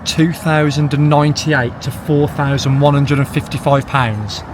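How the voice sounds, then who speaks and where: A man's voice: a little high, fairly even intonation, moderate pace. A man chatting casually as a travel vlogger, joking and self-deprecating. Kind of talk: casual chat. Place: outdoors and in a van. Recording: loud outdoor and traffic noise.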